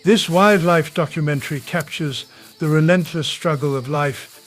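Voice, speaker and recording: A male narrator reads scripted nature documentary narration in a noticeably high register for a man. His delivery is measured and portentous, built for drama. Music plays clearly behind his voice.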